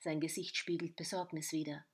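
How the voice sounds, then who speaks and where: A woman's voice: deep voice, little pitch movement, brisk, husky. A woman narrating a short crime story in episodes, reading the dialogue in varied voices. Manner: reads dialogue in varied voices, some whispered.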